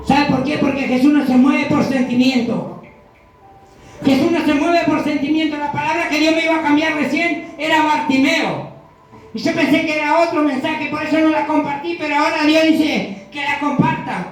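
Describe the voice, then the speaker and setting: A man preaching a fervent sermon, building to shouted exhortations, recorded from a distance in an echoey church hall. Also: very high-pitched, flat delivery, normal speed, faint music behind. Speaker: evangelist preacher.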